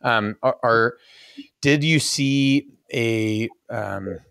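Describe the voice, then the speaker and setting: A man's voice: mid-range voice, very slow, vocal fry, fairly bright tone, clear, resonant tone, no echo. A man in his thirties hosting a podcast from a home studio, asking long, rambling questions full of fillers. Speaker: podcast host. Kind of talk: casual interview. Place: home room with bookshelf. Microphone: podcast mic on boom arm, headphones.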